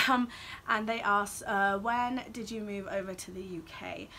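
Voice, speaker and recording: A woman in her 20s from Wales and Australia vlogs to camera, rambling informally and saying "like" a lot. Her mid-range voice has a sharp tone, fairly even intonation, and a measured pace, with a little hiss or hum in the audio.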